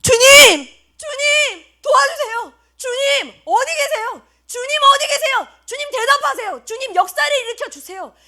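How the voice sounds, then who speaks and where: A woman's voice: very high voice, animated, normal speed, hardly any pauses, bright, forceful tone, voice pushed up, heavily acted. A woman acting out a persecuted believer crying out to God in desperate, pleading prayer.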